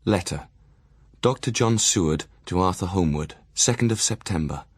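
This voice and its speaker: Serious victorian doctor in an audio drama, lowish voice, measured and formal, very dry recording. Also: male voice, animated, breathy edge, no echo. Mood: formal, concerned. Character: Dr Seward, serious, conscientious Victorian asylum doctor. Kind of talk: audio drama, narrating diary and letters.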